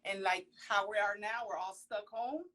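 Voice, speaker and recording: Appearing as a guest on a casual live interview, this young woman, a professional model whose first language was Creole, grew up in a Haitian household in the US. She talks earnestly and emphatically, exclaiming often, in a slightly bright, mid-range voice with fairly even intonation and a moderate pace, over a phone on a video call.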